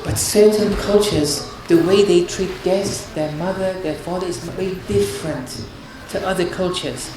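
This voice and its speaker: A woman speaks about marriage in an earnest religious lecture, her lowish voice a little slow and hardly pausing. She gives her listeners counsel, repeatedly restarting her phrases, in a very echoey hall with noise.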